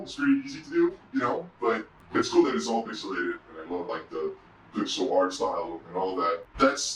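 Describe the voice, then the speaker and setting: Man with a deep pitch-shifted voice changer. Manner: hesitant, rambling, many "you know"s. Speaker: indie game developer and vlogger. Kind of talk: casual confessional vlog. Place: his own room. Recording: roomy and distant, faint hum.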